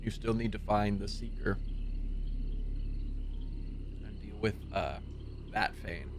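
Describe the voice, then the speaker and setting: Slow-talking man running a tabletop game. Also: on the low side, noisy background. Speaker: game master. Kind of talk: narrating a tabletop fantasy game, casual.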